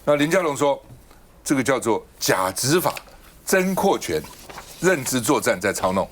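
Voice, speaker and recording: Talk show guy, super animated pitch, keeps throwing rhetorical questions. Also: normal speed, slight background noise. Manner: argumentative, fires off rhetorical questions. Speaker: political talk show host. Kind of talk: political talk show commentary.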